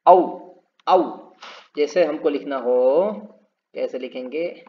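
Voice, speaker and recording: A man teaching a spoken English lesson, repeating each word slowly and drawn out as he explains its spelling. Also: a little high, dull audio.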